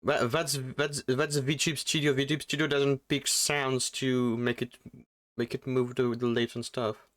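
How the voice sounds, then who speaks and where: A man chatting on a livestream from his home setup, rambling and self-deprecating with plenty of fillers. His desktop mic gives a close, dry sound at mid pitch. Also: little pitch movement, a little slow, fairly bright tone, dry recording. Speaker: streamer. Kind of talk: casual livestream chat. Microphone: desktop USB mic.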